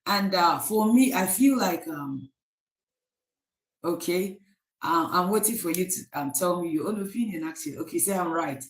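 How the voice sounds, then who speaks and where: A Nigerian woman hosting a casual live stream, chatting with viewers by name and often pausing on fillers. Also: fairly low pitch, lively intonation, echoey room, poor audio. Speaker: livestream host.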